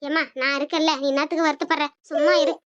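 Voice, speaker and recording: A voice artist voicing a gruff, protective older father-in-law in a cartoon, scolding his wife and comforting his daughter-in-law. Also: high voice, little pitch movement, quick pace, a bit bright, dull audio. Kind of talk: Tamil cartoon dubbing.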